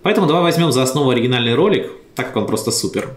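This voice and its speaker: Lively fast-talking young man. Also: mid-range voice, echoey room. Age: 20s. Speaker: contest entrant. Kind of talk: scripted video narration.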